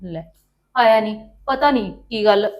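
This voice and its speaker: A woman's voice: mid-range voice, a little slow, lo-fi sound, natural voice. An actress playing a patient housewife who placates her demanding sister-in-law and complains to her husband. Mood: aggrieved. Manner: pleading, placating, then aggrieved. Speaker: actress in a village family drama.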